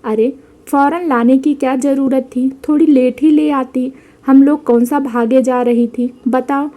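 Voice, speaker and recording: An innocent young village bride who takes every word literally, speaking in simple, rustic phrases, as a woman narrator puts her on. The voice sits fairly high and sounds mellow. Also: steady tone, measured pace. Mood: earnest. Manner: simple rustic speech, earnest.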